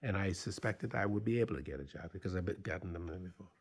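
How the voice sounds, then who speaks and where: An older man slowly telling a personal story, acting out both sides of remembered dialogue with halting pauses and restarts. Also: low voice, breathy edge. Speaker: speaker telling a life story.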